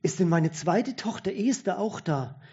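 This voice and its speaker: Man doing frail dying old father, weak strained voice, higher pitched, mellow, lo-fi sound. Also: animated, a little slow, husky, heavily acted. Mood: feeble, fretful.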